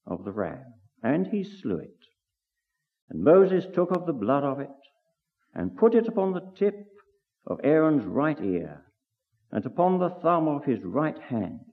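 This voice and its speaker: Old tape recording of a man declaiming scripture in a hall, with lively pitch; tinny and reverberant. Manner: measured, declaiming delivery. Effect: old 1963 tape recording. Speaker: speaker at a religious meeting. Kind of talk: solemn scripture reading. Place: meeting hall.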